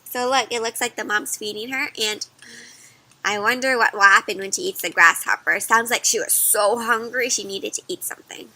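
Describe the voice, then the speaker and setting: In a poor-quality recording, a woman with a fairly high voice reads a picture book to children with lots of expression. She keeps breaking off into friendly asides, asking the little ones questions.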